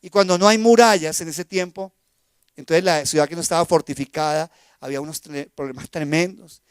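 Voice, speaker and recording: High-voiced pastor preaching. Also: male voice, fairly even intonation, fairly quick, smooth, no room sound. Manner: swings between loud emphasis and soft asides, asking the congregation questions. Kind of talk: sermon. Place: church sanctuary.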